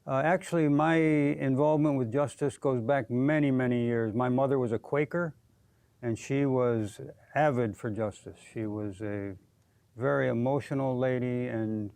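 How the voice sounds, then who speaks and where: Creaky-voiced man in his sixties. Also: medium pitch, steady tone, moderate pace, a little mellow, no echo. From United States. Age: 60s. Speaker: guest, community activist. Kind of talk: TV studio interview.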